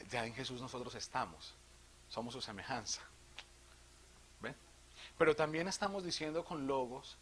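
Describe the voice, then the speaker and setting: A man from Colombia, a priest, giving an animated theology talk to a live audience, asking questions and joking. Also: mid-range voice, a little hiss or hum. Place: retreat hall.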